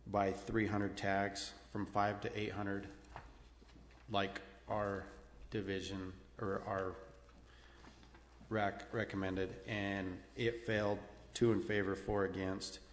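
An American man giving a halting, matter-of-fact report to a public meeting. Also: on the low side. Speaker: council member giving a board update. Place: large echoey indoor meeting room. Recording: echoey meeting room, background noise.

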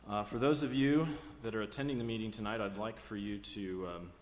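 An American man chairing a formal public meeting in a measured, procedural way. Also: lowish voice, steady tone. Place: large echoey indoor meeting room. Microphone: meeting microphone. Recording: echoey meeting room, clear background noise.

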